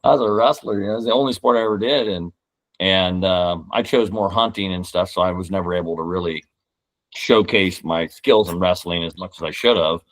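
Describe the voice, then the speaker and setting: Iowa man, 40, deep-voiced podcast guest, blunt and jokey. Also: brisk. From Iowa, United States. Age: 40s. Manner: joking, blunt, swears casually. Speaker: guest hunter. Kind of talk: casual podcast chat.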